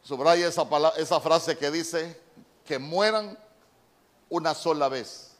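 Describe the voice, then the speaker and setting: Man, pastor, sermon; slow, measured, repeats words; slightly high voice. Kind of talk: sermon with Bible word study.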